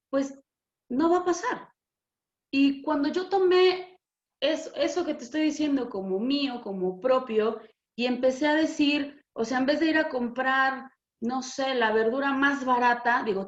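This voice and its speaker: Mexican woman host, casual spiritual talk, higher voice, dull echoey recording. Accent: Mexican Spanish. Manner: frank, expressive, swears freely. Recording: echoey room, dull lo-fi sound.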